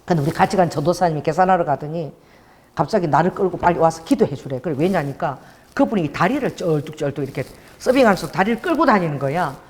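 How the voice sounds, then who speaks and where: A woman's voice: on the low side, expressive, fast talker, darkish tone. A woman pastor preaching a sermon and telling a story with animation, often asking the congregation for an amen. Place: church worship hall. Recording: long hall reverb.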